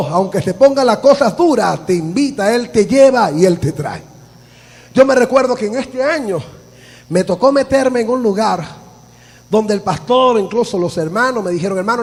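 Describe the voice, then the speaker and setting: A man preaching a sermon, fervent and often shouting, telling stories with laughter. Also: high-pitched, breathy edge. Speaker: pastor. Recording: long hall reverb.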